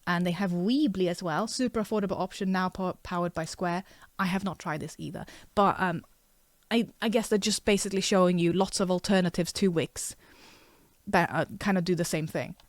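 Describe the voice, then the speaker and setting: A woman with a lowish voice, an artist and video creator whose first language isn't English, briskly reads a web page aloud, sometimes stumbling. She breaks off for frank, chatty asides, in a studio-quality recording with no echo.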